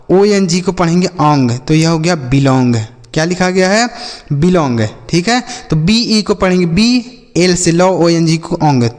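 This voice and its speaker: An English phonics teacher with a slightly high voice runs a call-and-response drill, asking each question and answering it himself. He addresses his viewers as "my brother" and "children," and a long echo makes him sound like he's in a large hall.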